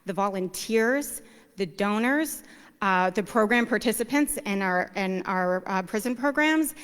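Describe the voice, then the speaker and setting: A woman who directs a service dog program welcomes guests to a graduation in a heartfelt, halting way, often pausing on fillers and starting over. Her voice is clean and resonant. A long hall reverb trails behind each phrase. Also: medium pitch, animated, smooth.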